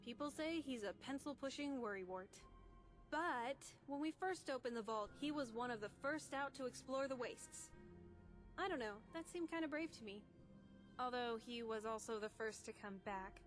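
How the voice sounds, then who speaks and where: A woman's voice: on the high side, animated, moderate pace, soft background music, natural voice. A woman playing a friendly, chatty vault resident in video game dialogue. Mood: gossipy.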